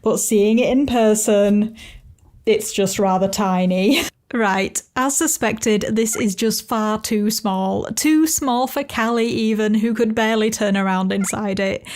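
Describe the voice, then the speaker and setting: A woman's voice: mid-range voice, unhurried, darkish tone. A woman reviewing guinea pig products in a chatty vlog, laughing often and cooing at her pets.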